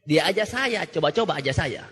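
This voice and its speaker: A young man telling a joking, animated story at a motivational seminar, acting out the voices of people he quotes. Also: on the high side, a little fast, breathy edge. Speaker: motivational speaker. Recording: reverberant hall.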